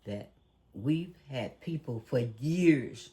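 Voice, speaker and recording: A man's voice: mid-range voice, lively intonation, slow, mellow. A man hosting a casual talk show, preachy and emphatic, who often asks leading questions. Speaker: podcast host. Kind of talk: casual conversational commentary.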